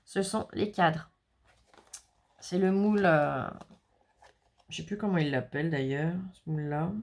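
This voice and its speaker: Chatty woman with a gravelly voice. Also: low voice, unhurried, a little mellow. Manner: chatty, rambling, self-mocking asides. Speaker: crafts vlogger. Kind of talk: casual haul video.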